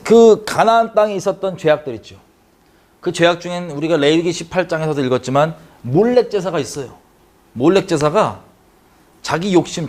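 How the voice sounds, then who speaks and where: A man leads a Bible study in a fairly high voice. He tells the story with drama, acting out the characters' cries and turning to his listeners with questions.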